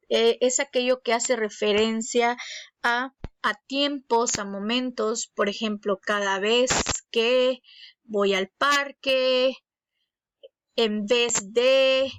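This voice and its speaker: Teacher, female, slightly high voice, explanatory exam review with fillers, faint hiss behind. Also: a bit bright.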